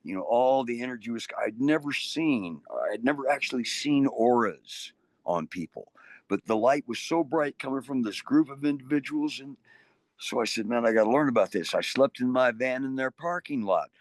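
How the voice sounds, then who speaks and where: A man's voice: mid-range voice, moderate pace, no echo. An older man, an interview guest, telling stories in a casual, rambling way and often restarting his sentences. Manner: rambling, restarts often, animated voices in anecdotes.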